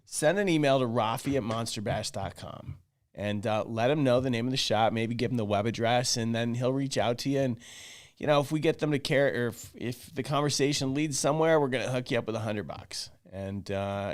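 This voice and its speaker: A man's voice: medium pitch, a little fast. A man hosting a casual podcast, making announcements in a loose way with many restarts. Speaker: podcast host.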